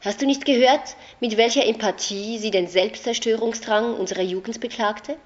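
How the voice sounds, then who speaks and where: A woman reading the part of Anna, an earnest, soft-hearted friend who gets indignant and pleading in argument, in a slightly muffled recording. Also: on the high side, steady tone, normal speed, pitched above the performer's own voice, natural voice.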